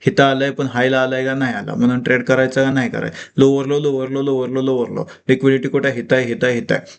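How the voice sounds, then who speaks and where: A man runs a live trading class at a mid-range pitch. He fires short questions and answers them himself, repeating key points again and again. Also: steady tone, fast talker, vocal fry. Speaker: trading teacher. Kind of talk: live teaching session.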